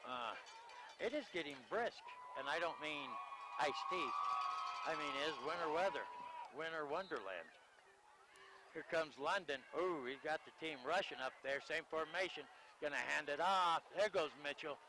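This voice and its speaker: A man calling a high school football game on the radio from outdoors, mixing play-by-play with joking, self-deprecating banter. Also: lively intonation, moderate pace, noisy background. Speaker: play-by-play announcer.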